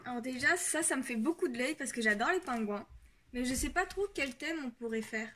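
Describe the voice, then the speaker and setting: A woman helping with a craft project, speaking softly in short casual replies. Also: high-pitched, animated, brisk. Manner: soft-spoken, brief replies. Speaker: crafting partner. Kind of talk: casual chat.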